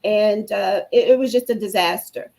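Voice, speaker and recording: A woman's voice: medium pitch, normal speed, creaky, a little mellow, low-quality recording. A woman guest on a talk show telling her own story in an earnest, preacherly way. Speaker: guest speaker. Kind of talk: personal testimony on a talk show.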